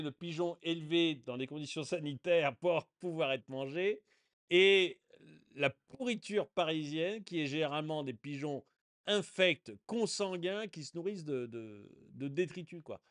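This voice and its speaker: A man's voice: fairly high pitch, no echo, studio quality. A man giving casual video commentary in a sarcastic, indignant way, often chuckling. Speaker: online commentator.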